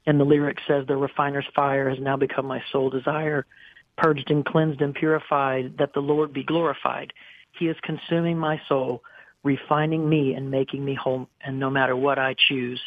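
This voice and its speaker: A man's voice: medium pitch, level tone, normal speed, no echo. A man in his forties, a guest singer, telling personal stories in an earnest, emotional way with many restarts. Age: 40s. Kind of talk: candid storytelling on a radio interview. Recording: dry, phone-like line.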